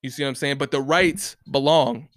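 A man with a mid-range voice rants casually to camera at normal speed, rambling, restarting often, using lots of fillers and swearing freely. The studio-quality recording has no room sound and a close mic that gets bumped once.

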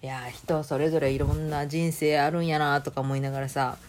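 A woman with a Kansai accent hosting her own channel, chatting casually and telling stories in a lively, conversational way. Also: sits low, a little fast, slight background noise. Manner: chatty storytelling, acting out quoted voices. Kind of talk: casual chat.

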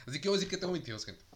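A man's voice: on the high side, a bit bright. A young man in his twenties from Mexico, chatting casually and jokingly, then reading a news item aloud, with many fillers. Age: 20s.

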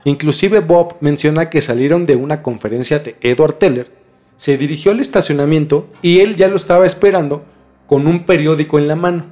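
This male podcast host has a Mexican accent and a somewhat high, darkish voice that moves along briskly. Music plays behind him as he alternates between narrated passages and casual, slang-heavy conversational storytelling.

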